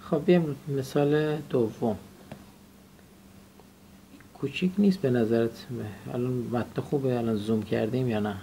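A man teaches English words in a classroom lesson. He repeats each word and has his student say it back. His voice has a gravelly rasp, and a faint noise sits under the recording. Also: medium pitch, pauses often, warm tone.

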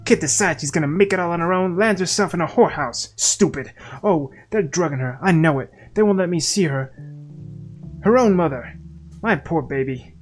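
A man voicing a gruff, hostile middle-aged animal mother in a video game, over soft game music. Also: fairly high pitch, normal speed, lightly acted. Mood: distraught. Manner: suspicious and hostile.

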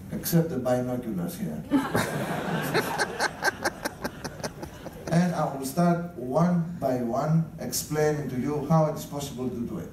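A middle-aged Greek man with a slightly high voice, a ship's captain, gives guests a humorous guided talk indoors on the bridge, laughing at his own punchlines. The recording is distant and echoey, with a noisy background.

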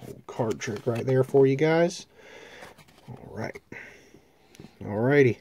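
A man casually chatting as he opens trading card packs, listing the cards in a relaxed way with fillers. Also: medium pitch, slow, slight background noise. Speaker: card-opening channel host. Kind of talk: casual chat.

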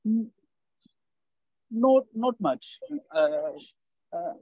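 Halting, high-voiced Pakistani man. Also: animated, mellow, dry recording, low-quality recording. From Lahore, Pakistan. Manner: halting, hesitant non-native English. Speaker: language test candidate. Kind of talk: spoken test answers.

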